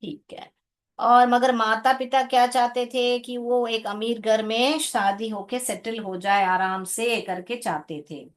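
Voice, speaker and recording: A woman's voice: fairly high pitch, fairly even intonation, measured pace. A woman teacher explaining an English lesson to her class, patiently sounding out words and asking her students questions. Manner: patient, calls students "beta", asks checking questions.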